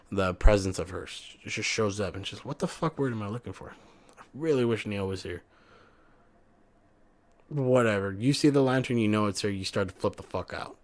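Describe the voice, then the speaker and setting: A young man giving a casual, profane, rambling game review, often correcting himself mid-sentence. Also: lowish voice.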